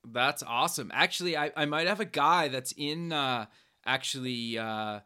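A male podcast host chats casually, friendly and affirming, dropping relaxed slang. His voice sits in a middle pitch with a bright, forceful tone. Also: moderate pace, clear, resonant tone. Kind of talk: casual interview chat.

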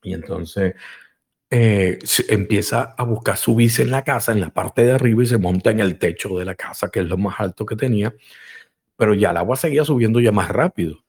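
A man's voice: fairly low pitch, fairly quick, a little mellow, husky. A man hosting a live call-in talk, telling a joke animatedly and acting out voices and engine sounds. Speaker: host. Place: live online broadcast.

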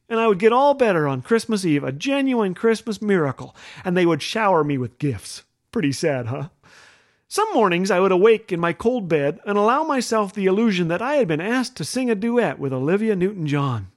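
A man from Canada hosting a radio show, telling humorous stories in a gentle, wry way. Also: high voice, big pitch swings, brisk. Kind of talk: humorous scripted storytelling. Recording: faint music underneath.

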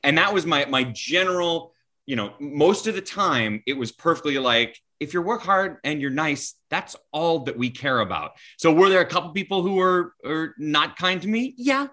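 A man in his forties, a sports broadcaster, telling stories in a podcast interview, animated and full of restarts. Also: a little high, normal speed. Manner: animated, acts out quoted voices, many restarts.

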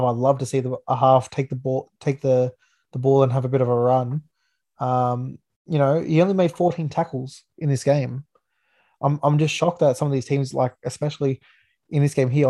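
Male Australian podcast host, soft-edged warm timbre, matey everyday-bloke delivery, casual sports review. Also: mid-range voice.

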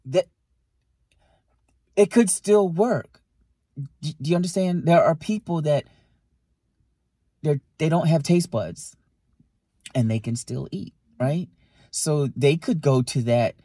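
A man's voice: fairly high pitch, a little slow, long pauses, husky, no room sound, clean studio sound. Emphatic man lecturing on relationships. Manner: emphatic, animated lecturing with rhetorical questions. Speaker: podcast co-host. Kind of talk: casual relationship talk.

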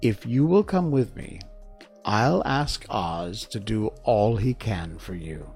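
A man voicing a polite, kind little farm girl in a storybook, with a gentle, innocent and courteous manner. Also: on the low side, lively intonation, slow, soft background music. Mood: kind, reassuring.

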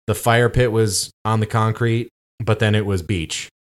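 A man's voice: lowish voice, fairly even intonation, measured pace. A man, co-hosting a podcast and telling a travel story in casual chat, with lots of fillers. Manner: rambling storytelling with many fillers. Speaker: podcast co-host.

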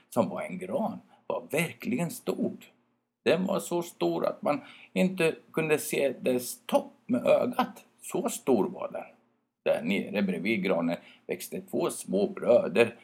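A man reading a children's story aloud in an expressive way, with small hesitations. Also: mid-range voice, creaky, breathy edge.

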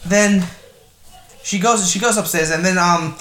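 A man, co-hosting a casual film review podcast, animated and sarcastic, acting out quotes. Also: high-pitched, measured pace. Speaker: podcast co-host. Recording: echoey room with faint noise.

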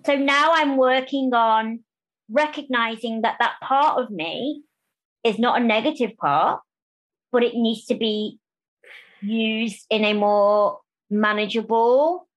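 A woman speaking candidly as a podcast interview guest, animated and quick to restart phrases and act out what others say. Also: fairly high pitch, poor audio. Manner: animated, restarts phrases, acts out quoted voices.

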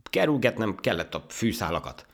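A man's voice: sits low, wildly swooping pitch, pitched above the performer's own voice, heavily acted. A man voicing a small, proud and stubborn male ant in a storybook tale. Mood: defiant. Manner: indignant, offended. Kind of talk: storybook character voice.

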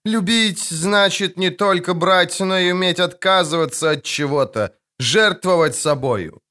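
Guy doing a whiny high siren girl, sing-songy, super vain, sounds like a storybook sea maiden. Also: expressive, measured pace, fairly bright tone. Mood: indignant. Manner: sing-song, whining, indignant. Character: vain, shrill young female siren. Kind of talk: audiobook character voice.

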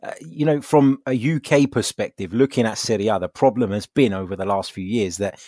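Man, podcast host, football chat, animated, dry close mic. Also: fairly low pitch, brisk, no echo. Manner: animated, conversational, asking questions.

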